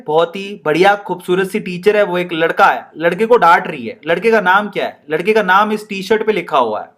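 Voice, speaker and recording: A man teaching chemistry in a playful, jokey lecture style, switching between Hindi and English. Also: high voice. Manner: animated, mixes Hindi and English. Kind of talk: classroom lecture.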